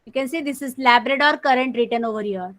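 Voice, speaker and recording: A woman's voice: high-pitched, fairly bright tone. Marathi-accented woman teacher on a class screen recording. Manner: explains slowly, repeating terms, clears throat often. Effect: screen recording of an online class. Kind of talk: online class lecture.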